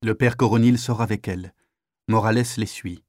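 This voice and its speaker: Brief: man reading stage directions, quiet and plain, dry close recording. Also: fairly low pitch, steady tone, normal speed, no echo. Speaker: play reader.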